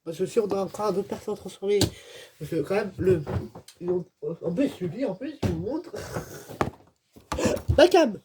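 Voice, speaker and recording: A woman's voice: mid-range voice, normal speed. A woman vlogging as she opens an advent calendar, chatting casually and grumbling in exasperation, with laughs in between. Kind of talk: casual unboxing chat. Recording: noisy with crinkling packaging. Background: clicks and crinkling wrappers.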